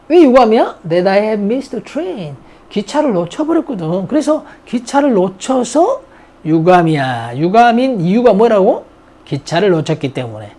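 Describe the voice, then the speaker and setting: An unhurried grammar teacher works through a vocabulary list, saying each English word several times before explaining it. The voice swings widely up and down, and the teacher keeps posing and answering their own questions. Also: medium pitch, dark tone. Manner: drills words by repeating them, asks and answers own questions; mixes English words into slow explanations.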